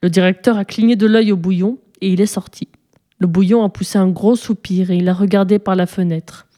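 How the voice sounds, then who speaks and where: A woman reading a children's story aloud, lively and switching voices for the characters. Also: medium pitch, brisk.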